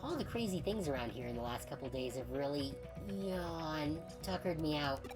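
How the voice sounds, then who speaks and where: A woman's voice: low voice, lively intonation, moderate pace, music in the background. A woman voicing a bubbly young female record-shop clerk who is an eager, apologetic otaku. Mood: chirpy. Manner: sleepy then chipper, apologetic and eager.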